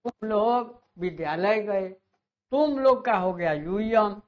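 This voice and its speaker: A man teaching a grammar lesson, slowly repeating and drawing out words. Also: sits high, expressive. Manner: slow, repeats words and stretches them out. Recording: dull lo-fi sound.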